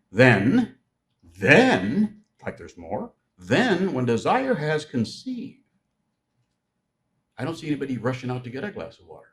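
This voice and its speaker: Speaking in a mid-range voice, this preacher keeps his sermon chatty and instructive, trading jokes with the congregation. Key words get emphasis as he deliberately slows.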